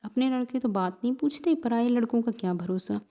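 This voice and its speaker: A woman's voice: a little high, a little fast, warm tone, lightly acted. A woman voicing a resentful young daughter-in-law who complains bitterly.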